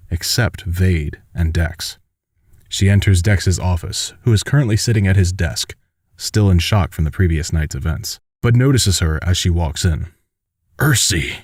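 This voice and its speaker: A man narrating a fan audiobook in a steady, even storytelling manner. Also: low-pitched, dry recording, studio quality.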